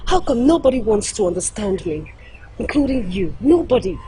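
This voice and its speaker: A woman's voice: mid-range voice, big pitch swings, moderate pace, dark tone, slight background noise, lightly acted, rough recording. An actress with a Nigerian accent playing a stubborn, lovesick young woman who defends herself. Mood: defensive.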